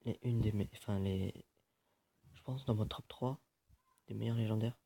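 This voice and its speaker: A man's voice: on the low side, steady tone, moderate pace, gravelly, mellow, breathy edge. A man giving casual, joking gameplay commentary, swearing often and muttering to himself. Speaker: gaming video host.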